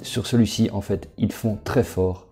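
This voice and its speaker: Brief: man on a walkthrough video, low and very mellow tone, chatty with fillers, faint guitar behind. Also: steady tone. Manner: chatty, talks straight to the viewer, halting with fillers. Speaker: crypto investment YouTuber. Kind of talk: casual screen walkthrough commentary.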